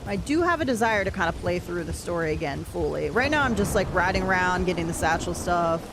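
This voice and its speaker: A woman with a lowish voice talks a little fast while livestreaming a game, chatting casually and informally with some offhand swearing. Game audio with rain creates steady background noise, so she raises her voice a little to be heard over it.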